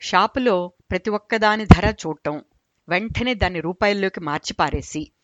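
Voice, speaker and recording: A woman narrates amusing anecdotes in a relaxed, chatty way, with an amused edge. Her voice sits in a middle range. The recording sounds dull and dry, with no room echo. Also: medium pitch, moderate pace. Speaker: storyteller. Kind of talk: humorous storytelling narration.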